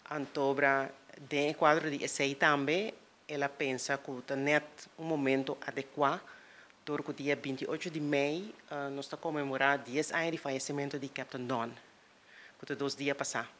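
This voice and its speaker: A man's voice: mid-range voice, little pitch movement, normal speed, a bit bright, slight background noise. Hesitant man giving an informal introduction. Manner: hesitant, searching for words. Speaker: presenter introducing a donation.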